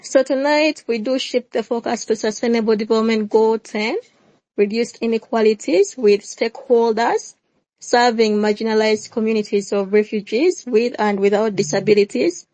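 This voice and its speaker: A woman's voice: fairly high pitch, normal speed, darkish tone, dry recording, rough recording. A woman hosting a panel discussion, reading a formal introduction. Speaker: host, moderator.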